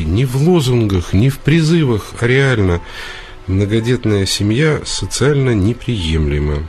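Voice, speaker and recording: Man, low voice, emphatic radio talk, faint background music. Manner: earnest, emphatic lecturing with hesitations. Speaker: radio host, psychologist.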